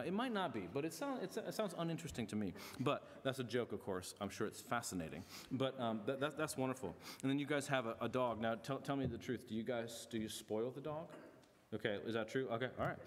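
A middle-aged male pastor speaks from the pulpit of a large church, his voice carrying a long hall reverb. He has a mid-range voice for a man and moves between formal, measured reading and easygoing, joking remarks to the congregation. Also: medium pitch, a little hiss or hum. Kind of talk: church membership service address. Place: large church sanctuary with stage.

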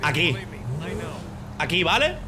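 A man's voice: on the high side, sing-song, slow pace, crowd noise. A man, chatting casually on a live stream while he games, swearing freely and breaking into laughter.

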